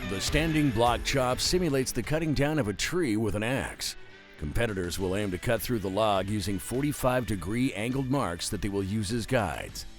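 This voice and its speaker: Male sports voice-over, lowish and animated, music bed underneath. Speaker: sports broadcast narrator. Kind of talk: scripted sports narration.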